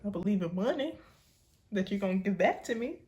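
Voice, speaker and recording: A woman's voice: medium pitch, animated, fairly quick, warm tone, slight background noise. A woman with an American accent giving colloquial, casual reaction commentary as she talks back to the screen. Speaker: reaction show host.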